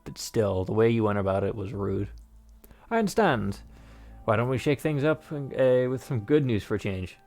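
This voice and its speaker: A man's voice: on the low side, expressive, moderate pace, darkish tone, soft background music. A man playing through a visual novel, reading the narration aloud and adding rambling, joking remarks full of fillers. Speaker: game player and narrator.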